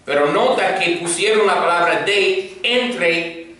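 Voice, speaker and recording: A man's voice: high voice, slow, bright, forceful tone. A man, a pastor, teaching a grammar class. He is patient, checks that students follow, and has them repeat words after him. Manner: patient, checks understanding, drills repetition. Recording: echoey room, voice from far off, faint noise.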